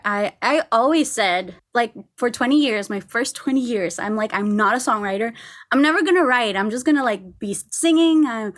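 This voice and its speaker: A woman from Costa Rica, a singer, chatting casually on a podcast, with frequent laughs and fillers. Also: mid-range voice. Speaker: singer and co-host.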